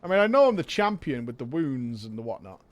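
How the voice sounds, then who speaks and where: A man's voice: mid-range voice, big pitch swings, fast, dry recording. A man streaming a video game, giving casual, wry, sweary asides as he plays.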